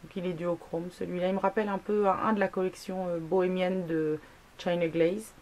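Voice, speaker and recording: A woman's voice: lowish voice, level tone, brisk, darkish tone. A woman vlogging a casual product review, chatty, with many fillers, asides and self-mocking jokes. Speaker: beauty blogger.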